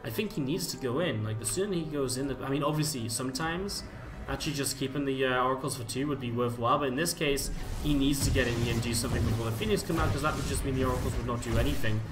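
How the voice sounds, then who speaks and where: A man commentates a competitive video game live at a very quick clip. His delivery is informal and chatty, as if thinking aloud. Music plays clearly behind his voice. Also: mid-range voice, recorded from a distance. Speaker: esports commentator.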